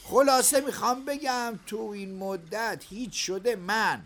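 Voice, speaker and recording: A blustery, irritable factory boss. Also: male voice, high-pitched, fairly bright tone. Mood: earnest. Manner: blustery, scolding, quick to flare up. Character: irritable male factory owner, middle-aged boss. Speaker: factory owner. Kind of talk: radio drama acting.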